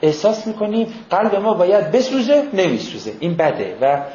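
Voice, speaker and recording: A man giving an informal, conversational sermon, telling everyday stories with animated asides. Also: high-pitched, a little hiss or hum. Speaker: preacher. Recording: roomy, dull lo-fi audio with faint ambience.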